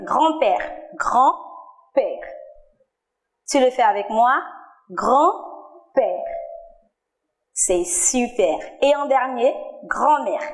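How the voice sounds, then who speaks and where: A woman leads a children's church lesson, calling out words for a sign language game. Her voice sits high, and she speaks very slowly and patiently. She praises the children often and encourages them warmly. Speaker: children's Sunday school teacher. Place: church TV studio.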